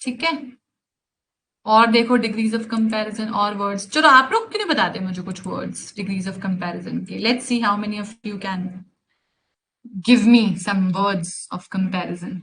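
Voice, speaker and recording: Slow-talking Indian woman teaching grammar. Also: mid-range voice, creaky, a bit bright, slight background noise, poor audio. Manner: explains in Hindi mixed with English, slow and teasing. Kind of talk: live online class.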